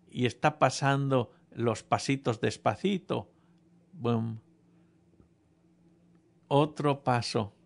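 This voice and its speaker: A man with a gravelly, medium-pitched voice preaches a sermon, telling a humorous personal story and speaking directly to the congregation.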